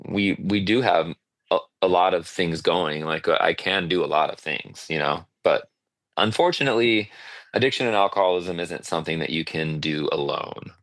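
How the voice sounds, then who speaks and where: A man with a very low voice chats as an interview guest on a podcast. He tells animated, filler-heavy stories. The sound is dry and close, with little room echo. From Arizona. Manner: animated storyteller, many fillers, laughs often. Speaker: singer-songwriter guest. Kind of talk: casual interview chat.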